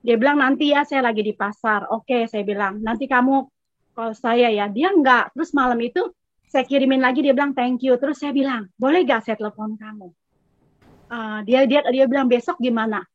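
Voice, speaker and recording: A woman with a high voice tells a casual church testimony, chatty and acting out each side of a conversation. The sound is close and dry, a little dull and lo-fi. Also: moderate pace, no room sound. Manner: chatty, acts out both sides of a conversation. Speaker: congregation member giving testimony.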